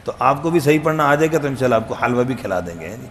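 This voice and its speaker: A man teaching a Quran recitation lesson, quizzing the students and calling out letter sounds loud and long. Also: medium pitch, lively intonation, noisy background. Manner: drills letters aloud, loud and drawn out; asks students questions, jokes. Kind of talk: classroom tajweed lesson.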